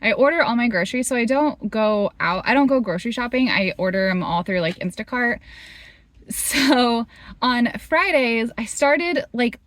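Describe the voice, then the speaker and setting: A woman's voice: a little high, moderate pace, fairly bright tone, no echo. Chatty woman vlogger, rambling. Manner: rambling, heavy use of "like". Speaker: fitness vlogger. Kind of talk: casual vlog chat.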